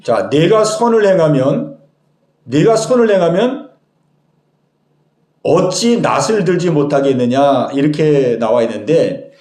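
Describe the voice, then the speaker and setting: A man's voice: a little high, lively intonation, measured pace, darkish tone. A man preaching a sermon as pastor, speaking emphatically and putting questions to the congregation. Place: church sanctuary. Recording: echoey church hall.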